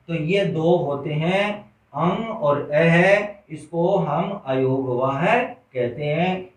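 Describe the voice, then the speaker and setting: A man teaching a Hindi grammar lesson to children, asking questions and answering them himself, repeating key words. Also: on the high side. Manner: slow, repetitive question-and-answer drilling, addresses children as "beta". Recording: roomy echo, distant mic.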